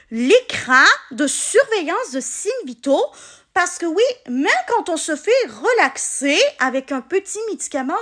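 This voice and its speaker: A woman with a Québécois French accent telling a personal story in a casual vlog, explaining things with halting pauses mid-sentence. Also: high voice, a bit bright. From Quebec, Canada. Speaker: vlogger.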